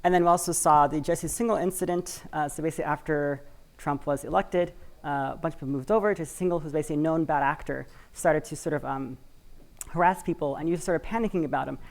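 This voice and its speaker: Talking fast in front of a live conference audience, a community cooperative speaker from Washington State leans on fillers and hedging in a casual, conversational style. Her voice is low, gravelly and creaky, with a darkish tone.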